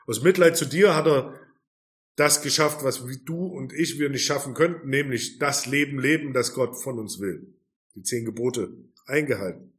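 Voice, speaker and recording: A man's voice: medium pitch, moderate pace. A man preaching a sermon, earnest and emphatic, with rhetorical questions. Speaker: pastor.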